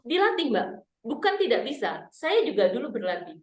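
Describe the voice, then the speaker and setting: Woman coach teaching public speaking, bit high voice, roomy echoey sound. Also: big pitch swings, fairly quick. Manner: demonstrative, drills vowels aloud. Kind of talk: online workshop teaching.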